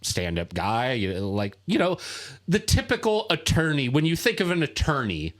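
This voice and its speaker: A man co-hosting a casual podcast chat, talking haltingly with many fillers and restarts. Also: medium pitch, huge pitch swings, fairly bright tone. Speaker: podcast co-host.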